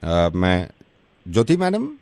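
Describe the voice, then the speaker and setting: A man's voice: deep voice, wildly swooping pitch, takes it slowly, a little mellow, dry recording, studio quality. A man hosting a radio prank call, playfully feigning innocence and sprinkling in English phrases.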